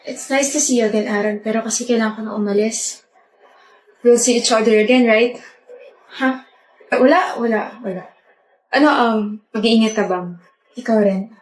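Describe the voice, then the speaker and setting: A woman's voice: fairly high pitch, normal speed, pauses often. Wistful woman in an echoey room. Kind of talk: skit role-play.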